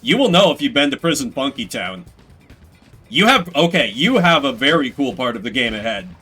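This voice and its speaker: A man's medium-pitched voice with a breathy edge comes at a normal pace, faint music behind him. He's a game streamer chatting casually with viewers, spinning rambling stories and acting out what people said.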